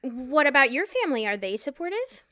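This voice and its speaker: A woman's voice: high-pitched, big pitch swings, fairly quick, sharp tone, no echo, studio quality, exaggerated voice. An actress playing a nervous, giggly young woman who is hiding a secret. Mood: flustered. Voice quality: giggly, flustered. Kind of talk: audio drama acting.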